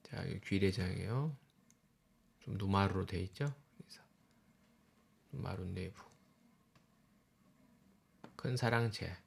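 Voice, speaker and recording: Gravelly low-voiced male professor lecturing. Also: slow pace, pauses often. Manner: explanatory, points things out on slides with short remarks. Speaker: university professor. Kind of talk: classroom lecture over slides.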